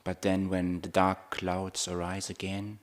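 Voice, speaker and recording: In a guided meditation, a low-voiced man speaks very slowly, offering short phrases one at a time. Long, measured pauses separate his thoughts, the way a teaching monk would leave them, and his delivery is completely flat.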